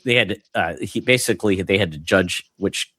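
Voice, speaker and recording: A man's voice: low-pitched, moderate pace, bright, forceful tone, dry recording. A man hosting a podcast, chatting casually with loose, filler-heavy talk. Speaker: podcast host. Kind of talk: casual chat.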